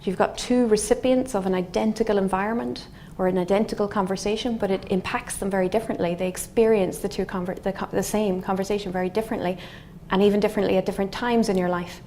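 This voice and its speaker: A middle-aged woman from Galway with a west of Ireland accent, a scientist giving an explanatory lecture in a thoughtful, halting, semi-conversational way. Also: medium pitch. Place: indoor wood-panelled lecture room. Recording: faint steady room noise.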